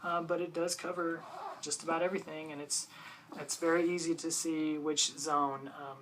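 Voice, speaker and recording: ASMR role-play, patient bookish librarian, androgynous mid-pitched voice, soft hesitant delivery, faint ambient noise. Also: flat delivery, low-quality recording. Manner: soft-spoken, hesitant, unhurried explaining. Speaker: librarian showing gardening books.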